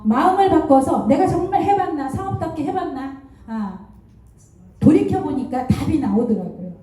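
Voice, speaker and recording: A woman giving a motivational seminar talk as a network marketing distributor, telling stories with lively rhetorical questions. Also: on the high side. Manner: animated storytelling with rhetorical questions. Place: lecture hall. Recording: echoey hall from far off.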